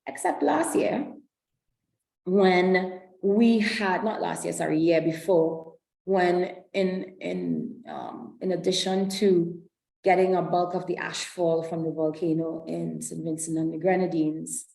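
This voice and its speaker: Woman from trinidad walking thru slides on a webinar, lowish gravelly voice, lots of ums. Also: animated, takes it slowly, darkish tone, reverberant, poor audio. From Trinidad and Tobago. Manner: explanatory, with frequent um and self-corrections. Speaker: webinar presenter. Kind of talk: online presentation walking through slides. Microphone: video call.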